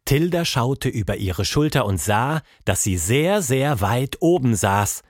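Lively male storyteller, dry close sound. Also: medium pitch, a little slow, dry recording. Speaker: narrator. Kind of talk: scripted children's story narration.

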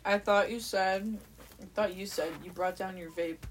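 A young woman of middling pitch joins as a guest. She is excitable and giggly, and she jumps into the chat eagerly. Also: moderate pace, a little hiss or hum, low-quality recording. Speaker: podcast guest. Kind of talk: casual chat among friends.

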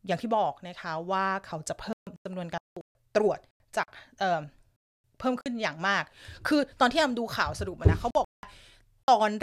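A woman from Thailand hosting a casual live stream from her home, giggling often and chatting with viewers while nursing a lingering cough. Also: mid-range voice. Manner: chatty, giggly, reads viewer comments aloud. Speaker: live-stream news host. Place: home, upstairs room.

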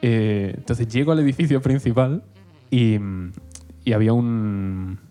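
A man co-hosts a casual podcast. He jokes, chips in and tells his own stories in a mid-pitched, everyday voice. Faint music plays behind him. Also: mellow. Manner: joking, quick interjections. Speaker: podcast co-host. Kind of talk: casual chat.

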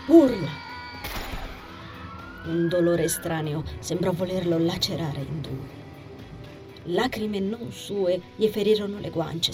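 A woman reads a fantasy story aloud as an audiobook narrator, her voice sitting in a middle register. She performs the text theatrically, sinking to near-whispers and then rising into forceful, loud passages. Soft music plays quietly underneath. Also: medium pitch. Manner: expressive, theatrical reading with sharp shifts in loudness.

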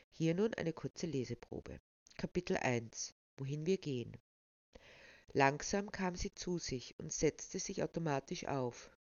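Low-voiced woman reading a novel. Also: no echo. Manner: measured, expressive storytelling. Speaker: book presenter and reader. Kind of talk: book presentation and reading. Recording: slightly dull, dry sound.

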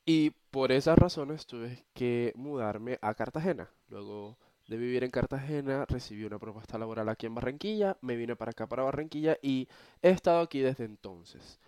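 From his bedroom, a young podcast host from Venezuela talks solo in a relaxed, playful way, expressive and tossing asides to his audience in a Venezuelan accent. His voice is smooth, medium in pitch, at normal speed.

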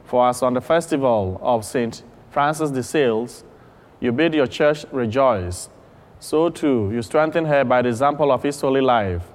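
A man's voice: medium pitch, normal speed. A man, a priest, solemnly intoning the prayers of the Mass with a cathedral echo. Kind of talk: liturgical prayer. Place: large church. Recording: long echoing church reverb.

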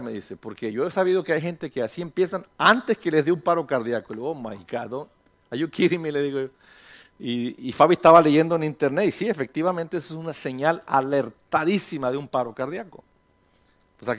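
A male pastor preaching a sermon in a lively storytelling manner, slipping English phrases into his talk and acting out little dialogues. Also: on the high side. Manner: mixes English phrases into Spanish, acts out dialogues; slows down to stress words, then speeds up.

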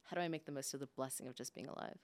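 This bilingual English-and-Spanish speaker has a very deep voice and talks very fast. A business leader guesting on a podcast, she is casual and reflective, and she frequently ends her thoughts with "like" or "right?".

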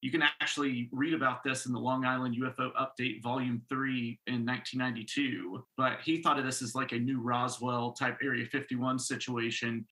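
A man with a bright, forceful voice talks through a strange case as a podcast co-host. He rambles and loops back on himself, leaning on fillers and casual swearing. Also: mid-range voice, low-quality recording. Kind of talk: casual chat recounting a mystery.

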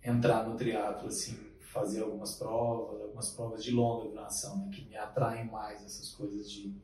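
A man who coaches runners, explaining himself in a relaxed way as a podcast guest. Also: fairly low pitch, normal speed, far from the mic, a little hiss or hum. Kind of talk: casual podcast chat. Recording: roomy echo, off-mic.

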